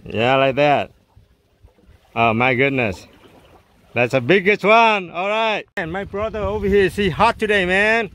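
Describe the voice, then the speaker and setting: High-voiced man excitedly narrating a fishing trip. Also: measured pace. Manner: chatty, exclaims often, simple broken English. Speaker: fishing channel host. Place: small open boat at sea, outdoors. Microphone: handheld or mounted action camera.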